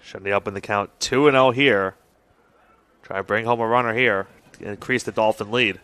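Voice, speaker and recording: A man giving color commentary on a college baseball broadcast, relaxed and laughing along with his partner. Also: on the low side, normal speed, clear, resonant tone, dry recording.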